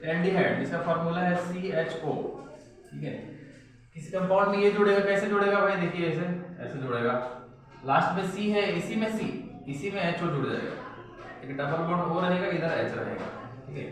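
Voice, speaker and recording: A man's voice: high-pitched, lively intonation, normal speed. A man teaching a chemistry lesson at a board, asking the class questions and answering them himself. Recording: very echoey room, mic far off.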